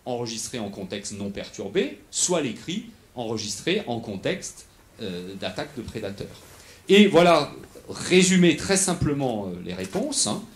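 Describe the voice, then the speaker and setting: Guy giving a talk, voice goes up and down a lot, lots of restarts. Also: mid-range voice. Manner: explanatory, frequent fillers and restarts, checks in with the audience. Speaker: researcher giving a lecture on animal acoustics. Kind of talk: lecture to an audience.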